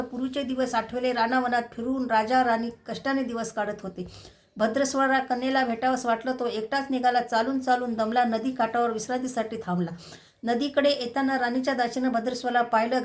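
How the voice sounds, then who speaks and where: Measured woman storyteller, slightly high voice. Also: slight background noise. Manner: steady, measured reading. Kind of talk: storytelling narration of a devotional tale.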